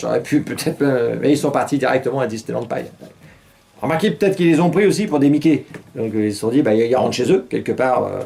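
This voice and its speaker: A man's voice: medium pitch, gravelly, dark tone. Rambling middle-aged man hosting a mock newscast. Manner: rambling, irreverent, full of hesitations and chuckles. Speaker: host of a satirical weekly news show.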